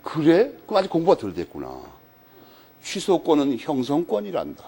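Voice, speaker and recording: A man's voice: a little high, huge pitch swings, moderate pace, gravelly, warm tone, slightly rough, voice pushed down, full character voice. A man acting out a stern older male moneylender who lectures a young man in a condescending, scolding way.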